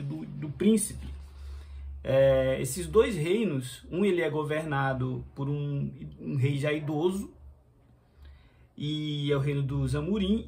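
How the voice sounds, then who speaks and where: A man's voice: fairly high pitch, gravelly. A man with a Brazilian Portuguese accent, casually reviewing a comic book and chatting to his viewers with frequent fillers and restarts.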